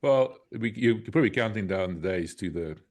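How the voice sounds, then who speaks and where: Man, broad Afrikaans South African accent, slightly low pitch, casual podcast host, halting delivery. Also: expressive, darkish tone. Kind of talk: casual chat.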